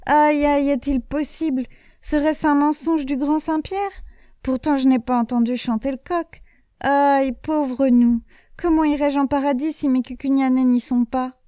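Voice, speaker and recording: A woman's voice: high voice, fairly even intonation, a little slow, mellow, no room sound, clean studio sound. A woman voicing an elderly male village priest, earnest and anxious, who pleads and exclaims. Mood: dismayed.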